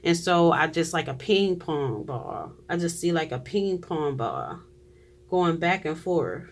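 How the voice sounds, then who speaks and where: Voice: mid-range voice, animated, measured pace. A tarot reader giving a casual reading to viewers, chatty, often trailing off and restarting, with frequent laughs.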